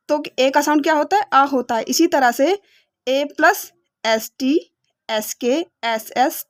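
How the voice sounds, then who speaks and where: High-voiced woman teaching phonics patiently. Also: no room sound, studio quality. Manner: slow, patient spelling-out of sounds, checks understanding often. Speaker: English teacher. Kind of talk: phonics lesson for beginners.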